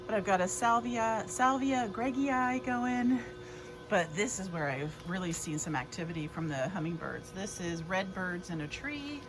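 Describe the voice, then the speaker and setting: A woman's voice: medium pitch, animated, moderate pace, noisy background. A woman chatting casually as she works in her garden outdoors, rambling with plenty of fillers. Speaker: garden vlogger. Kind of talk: casual chat.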